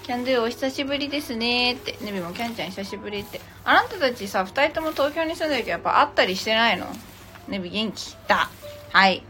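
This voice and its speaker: A woman's voice: on the high side, lively intonation, fast, pushed and bright. Chatty, playful woman livestreaming over music. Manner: chatty, playful, switching between polite and teasing casual speech. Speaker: livestream host and tarot reader. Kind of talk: casual livestream chat, talking to commenters. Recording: music playing behind the voice.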